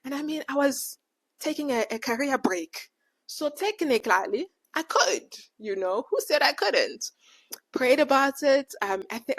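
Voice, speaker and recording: A woman in her late twenties who says w for r, speaking as a podcast host in casual, animated personal reflection with slangy retold dialogue. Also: on the high side. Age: late 20s. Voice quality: can't pronounce R, says w for r.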